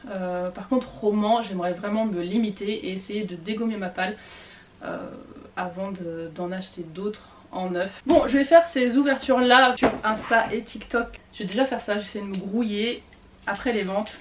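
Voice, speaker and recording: A woman's voice: medium pitch, normal speed, a little hiss or hum. A woman vlogger chatting casually about her books, with many fillers and a voice she says she is losing. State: losing her voice, clearing throat. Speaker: book vlogger. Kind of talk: casual chat.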